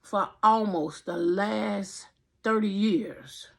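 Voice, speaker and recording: A woman in her fifties with a gravelly, husky voice gives a heartfelt personal faith testimony. She talks in a preacherly way and circles back to the same phrases again and again. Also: medium pitch, extremely slow. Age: 50s. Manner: impassioned, repeats phrases, preacherly. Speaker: vlogger.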